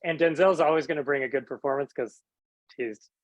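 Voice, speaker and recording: Eager man, fairly high voice. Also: a little fast, muffled recording, a loud crowd. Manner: enthusiastic, slangy. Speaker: guest actor. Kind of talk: casual chat.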